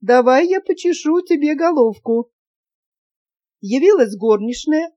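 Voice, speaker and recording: Женщина-чтица, тёплый мягкий голос. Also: female voice, fairly high pitch, mellow, dry recording, clean studio sound. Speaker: audiobook narrator. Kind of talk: literary narration.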